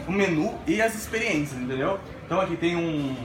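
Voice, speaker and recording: A man's voice: a little high, expressive, fairly quick, background noise. A man hosting a casual vlog interview, chatty and informal, prompting a guest with questions. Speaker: vlog host. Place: busy indoor airport. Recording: roomy airport sound with clear music behind.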